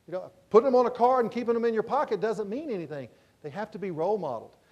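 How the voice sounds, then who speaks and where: A man giving a motivational keynote on a conference stage, telling stories in an animated way and repeating his key points. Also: sits high. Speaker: keynote speaker.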